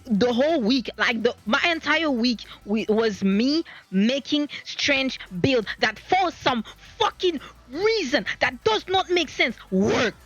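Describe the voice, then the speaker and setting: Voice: high voice, expressive, slow pace, few pauses, a bit bright, lo-fi sound, soft background music. A streamer in casual gaming chat, rambling to themselves and swearing freely, recorded on a laptop mic. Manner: rambling, self-talking, swears a lot.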